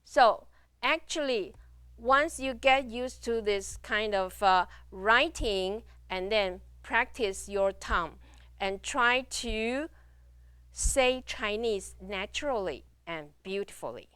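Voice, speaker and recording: Slow, bright-voiced woman teaching. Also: medium pitch, clean tone, no room sound. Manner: slow, careful demonstration of sounds. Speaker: Mandarin teacher. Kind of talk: classroom lecture.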